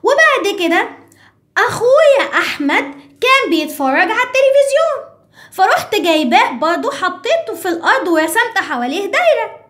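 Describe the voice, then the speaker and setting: A woman's voice: very high voice, sing-song, fairly quick, fairly bright tone, full character voice. A woman with an Egyptian Arabic accent voicing a cheeky, chatty little girl who talks to the children as her friends while teaching an English lesson. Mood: playful.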